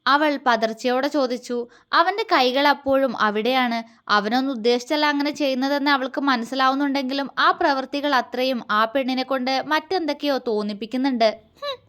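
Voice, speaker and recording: A woman storyteller reads a serialized romantic story in a calm, even manner. Her voice is high and light. The reading is scripted narration.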